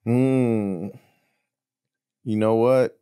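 A man's voice: mid-range voice, fairly even intonation, drawn-out words, mellow, clean tone, dry recording, clean studio sound. A man co-hosting a casual movie podcast, laid-back and joking as he guesses at trivia and swears freely. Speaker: podcast co-host. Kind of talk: casual chat.

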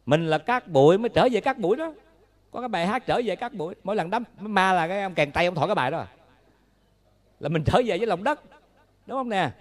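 Man, Buddhist monk, Southern Vietnamese accent, dharma talk, homely storytelling, fairly high voice. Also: lively intonation, quick pace. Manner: folksy, humorous, asks the audience questions.

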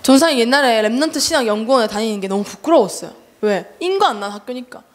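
A young woman evangelist giving a lively, chatty sermon to a children's service, acting out voices and laughing as she tells stories. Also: fairly high pitch, fast talker. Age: young adult. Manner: chatty and animated, acts out relatives' voices with laughter. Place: church hall.

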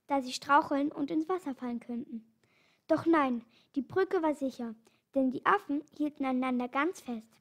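A woman narrates a children's storybook in a clear, steady read-aloud manner. Her voice sits high for a woman. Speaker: audiobook reader.

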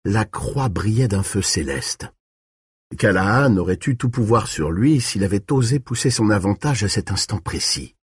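A man narrating a dark audiobook in an expressive way, with shifting pace and tone. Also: on the low side, moderate pace, breathy edge, no echo, clean studio sound.

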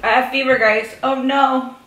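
A woman's voice: high voice, steady tone, normal speed, fairly bright tone. A young woman exclaiming with her mouth burning from spicy food as she chats through an eating challenge. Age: young adult. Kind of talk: casual challenge vlog chat. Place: indoors, small room at a table. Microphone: camera a short distance away. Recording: roomy echo, faint background noise.

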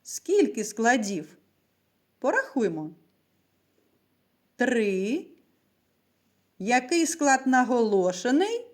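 Slow, lively-voiced woman teacher. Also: sits high. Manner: slow, carefully articulated, asks and answers her own questions. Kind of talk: recorded video lesson for young children.

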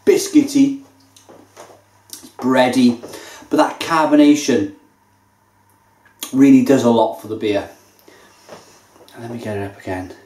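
A man in his thirties, mid-range voice, speaks slowly and pauses often as he tastes a beer at home. Relaxed and chatty, he describes every sip he savors; the kitchen audio is echoey, recorded on a camera mic at table distance.

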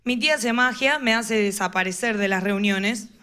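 A woman's voice: medium pitch, moderate pace, pushed and bright, clean tone. A woman with a Rioplatense Argentine accent doing live stand-up, chatty and laughing at her own jokes. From Morón, western Greater Buenos Aires, Argentina. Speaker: stand-up comedian.

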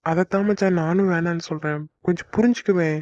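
A fretful young man in a cartoon, voiced by a man, grumbling at his friend in a rapid, slightly high voice. The sound is dry and a little dull. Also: fairly even intonation, darkish tone, no echo, natural voice. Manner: complaining, exasperated banter. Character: young man, a worrier who frets and grumbles. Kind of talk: cartoon voice acting.

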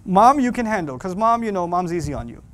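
A man giving an Islamic lecture to young people, animated and jokey, acting out little scenes as he talks. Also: high-pitched, fast talker. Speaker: Quran teacher.

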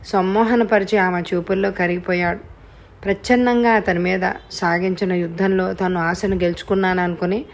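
A woman narrating an audio novel in a slow, measured reading. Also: mid-range voice.

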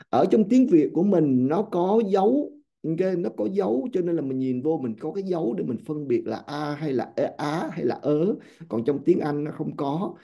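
Gravelly-voiced man teaching a class. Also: fairly high pitch. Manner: animated, keeps checking with the class. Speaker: English teacher. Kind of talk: classroom lecture. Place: classroom or seminar room. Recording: dull lo-fi sound.

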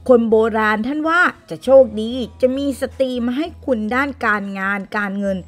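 A woman's voice: a little high, normal speed, fairly bright tone, voice pushed down, lightly acted. A woman voicing a fussy, nagging old grandmother who lectures about old beliefs in a home-made skit. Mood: explaining. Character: fussy old grandmother, scolding but kindly. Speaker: storyteller.

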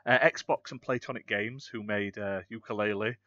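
A British co-host of a gaming podcast chats casually, rambling through the news while correcting himself and restarting often. His lowish voice is fairly bright, with fairly even intonation and a moderate pace, and the high frequencies are cut off.

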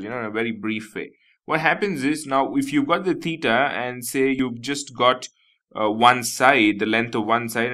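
A man's voice: mid-range voice, bright, forceful tone. A man with an Indian English accent teaching a math lesson, explaining step by step and repeating key terms. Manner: explanatory, repeats key terms, frequent "nothing but" and "you know".

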